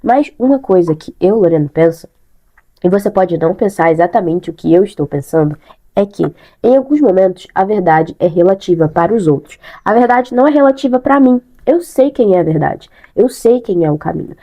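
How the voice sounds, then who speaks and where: A young woman with a Brazilian accent talks casually to her viewers, as in a personal vlog. Her voice is mellow and relaxed, thickened by a blocked nose and a sick throat. She leans on repeated words to stress her points in a conversational way. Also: medium pitch, a little fast. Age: young adult. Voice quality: congested, stuffy nose. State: congested with sinusitis and a bad throat. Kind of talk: casual chat to camera.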